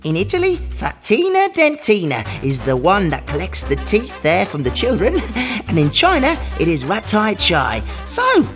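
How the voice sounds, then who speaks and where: An overbright kids' party host of a magical mouse, boastful and gleeful. The pitch swoops wildly in a storybook style, with music behind it. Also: female voice. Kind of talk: children's storytelling for a listening exercise.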